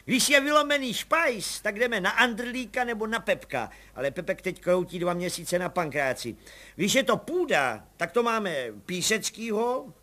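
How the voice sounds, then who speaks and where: A man voicing a humble, chatty little police agent who talks in eager, deferential, high-pitched bursts. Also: animated, sharp tone. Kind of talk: audiobook character voice.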